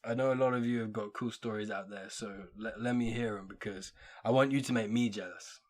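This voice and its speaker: A man's voice: on the low side, steady tone, a little fast. A young man hosting a podcast, telling stories casually with lots of fillers and restarts in a self-deprecating way. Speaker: podcast host. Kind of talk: casual storytelling monologue.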